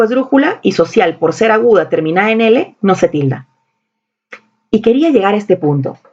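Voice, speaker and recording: A woman's voice: mid-range voice, muffled recording. A woman teaching a recorded spelling lesson, stressing points by repeating key words.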